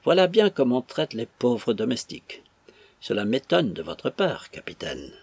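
A man's voice: mid-range voice, sing-song, a little slow, creaky, a little mellow, husky, dry recording, exaggerated voice. A man doing a whiny young servant. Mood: whining, indignant. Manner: whining, tearful protest. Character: whiny young male servant, touchy, self-pitying.

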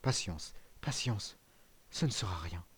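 A man reading an audiobook, voicing a poor, frail old father with a soft, weary voice. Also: medium pitch, big pitch swings, normal speed. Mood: weak, tender. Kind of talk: audiobook character voice.

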